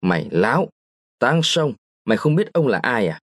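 A man's voice: medium pitch, big pitch swings, normal speed, dry recording, clean studio sound. A man playing a brash, bullying soldier. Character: swaggering young soldier, lecherous and bullying.

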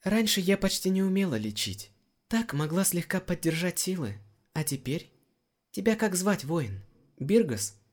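A male audiobook reader voicing a cheerful, lively young woman healer. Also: sits high, unhurried, voice pushed up, full character voice. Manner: bright, lively, reassuring.

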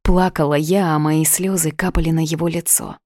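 A woman reads a first-person novel aloud with intense feeling. Her voice is low for a woman, and the recording is dry and close, with no echo. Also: fairly even intonation, moderate pace, a little mellow. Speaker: audiobook narrator. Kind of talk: first-person audiobook narration.

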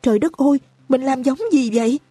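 A woman voicing a young wife in an audiobook, crying out in frantic, shrill pleas. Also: a little fast, dark tone, breathy edge, no room sound, lightly acted. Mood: terrified wailing. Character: young terrified wife, wailing for help.

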